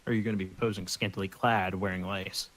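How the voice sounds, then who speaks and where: A man's voice: low-pitched, level tone, a little fast, a bit bright. A man co-hosting a let's-play video, wisecracking and laughing while he plays. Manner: wisecracking, playful, laughs often. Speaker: gaming video co-host. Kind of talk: casual let's-play banter.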